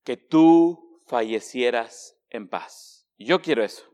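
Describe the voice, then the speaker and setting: A man preaching a sermon as a pastor. He asks the congregation direct questions and swings between hushed, slow passages and raised, emphatic ones. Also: mid-range voice, animated, long reverb tail.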